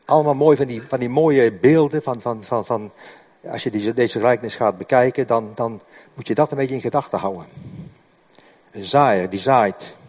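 An older man delivers a sermon in a church hall, his husky voice trailing into a long reverb. He speaks haltingly, repeating words as he works through his explanation. The recording is dull and muffled. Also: mid-range voice, a little mellow. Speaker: preacher.

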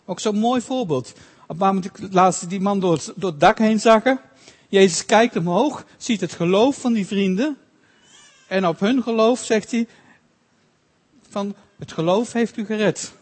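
A man with a high voice preaching a sermon in a space with a long, echoing reverb. He speaks earnestly and haltingly, restarting phrases often and slowing down for quoted scripture. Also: slightly rough.

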